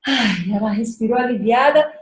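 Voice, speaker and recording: A woman's voice: a little high, normal speed. Reflective woman in an echoey room. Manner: thoughtful, searching for words, many restarts. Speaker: speaker at a parenting gathering. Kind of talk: reflective talk with personal story.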